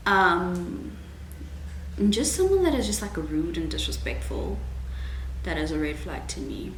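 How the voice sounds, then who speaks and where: A young woman whose first language is Afrikaans answers viewer questions in a casual Q&A vlog, talking slowly in a fairly low voice with big pitch swings. She's chatty and frank, using many "like"s and "um"s. The room is echoey with a faint hum in the background.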